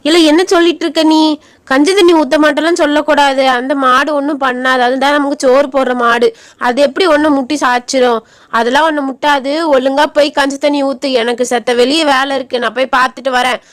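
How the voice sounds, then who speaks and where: A woman's voice: sits high, steady tone, brisk, no room sound, studio quality, lightly acted. A woman voicing a nagging old village granny. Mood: firm. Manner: nagging, grumbling, scolding. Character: scolding old village grandmother. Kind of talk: doll-play skit acting.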